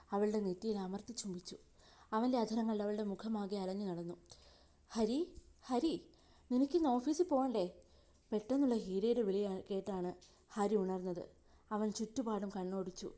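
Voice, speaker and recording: Woman storyteller, scripted narration, steady reading, mellow dark voice. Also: medium pitch. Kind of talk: scripted narration of a serial romance.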